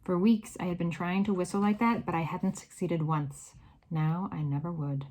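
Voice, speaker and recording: A woman reading a children's novel aloud in an expressive, varied storytelling manner. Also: on the low side, normal speed, low-quality recording. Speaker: read-aloud narrator.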